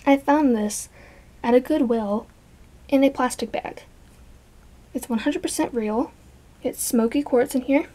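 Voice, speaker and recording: Congested from allergies, a young woman with a slightly high voice films a casual show-and-tell vlog in her bedroom on a handheld camera. She chats softly and rambles as she shows off her collection, at times dropping into a whisper.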